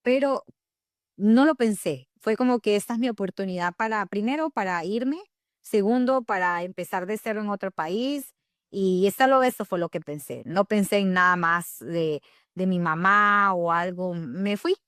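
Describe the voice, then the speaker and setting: A young Salvadoran woman with a Salvadoran accent recounts her life as a podcast guest. She speaks candidly and animatedly, pausing on fillers and restarting her sentences. The sound is dry and close. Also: mid-range voice, dry recording. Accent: Salvadoran Spanish. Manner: candid, animated storytelling with frequent fillers and self-corrections. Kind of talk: personal storytelling in an interview.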